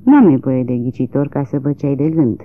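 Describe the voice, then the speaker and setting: Un bărbat care dă glas unui negustor de cai obraznic și batjocoritor. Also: male voice, mid-range voice, lively intonation, slight background noise, close to an everyday voice. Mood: defiant. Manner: insolent, defiant. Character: surly, mocking country horse trader. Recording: tinny lo-fi narrow-band recording.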